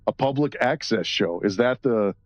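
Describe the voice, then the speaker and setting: Low-voiced man rambling on a stream. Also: normal speed, no echo. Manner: rambling, profane, laughs often, reads chat aloud. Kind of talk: casual livestream chat while coloring. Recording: slightly dull sound, faint music behind.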